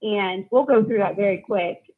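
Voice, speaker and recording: A woman's voice: mid-range voice, normal speed, a crowd in the background. A woman calling in to a live stream for a casual political discussion, rambling and searching for words, on narrow call audio.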